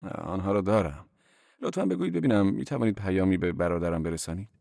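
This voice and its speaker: A man's voice: low voice, expressive, gravelly, darkish tone, dry recording, studio quality. Man playing a curt, gloomy young man.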